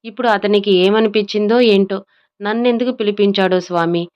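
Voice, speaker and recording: A woman's voice: mid-range voice, fairly quick, clear, resonant tone, close to an everyday voice. Woman voicing a jittery young male employee, muffled lo-fi audio. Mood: anxious. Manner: anxious, fretting. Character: nervous young male office employee, fearful of the boss.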